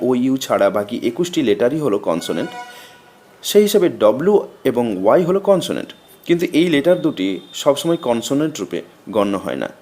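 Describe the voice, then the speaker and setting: Man, native Bengali speaker, grammar lesson, methodical recitation, lively rising and falling pitch. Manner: slow, methodical recitation of letters and meanings. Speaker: teacher. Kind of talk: reading a grammar lesson aloud.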